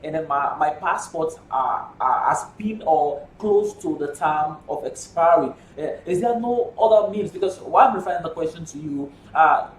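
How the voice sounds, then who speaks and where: A male host from Malawi puts questions to his guest, hesitating and repeating words as he goes. His voice is fairly high for a man. He sounds distant in a roomy space, with faint background noise. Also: lively intonation, moderate pace, few pauses. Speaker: interviewer, show host. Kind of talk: interview questions.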